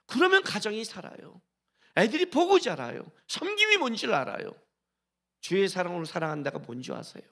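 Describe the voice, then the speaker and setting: A middle-aged man preaching to his congregation as their senior pastor. His voice sits high and bright and moves a lot in pitch. He jumps from loud exhortation to hushed, almost whispered asides. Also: big pitch swings, fairly quick. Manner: exhorting, rhetorical questions, swings between loud urging and hushed asides; briefly sings a hymn line during the sermon. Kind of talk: sermon.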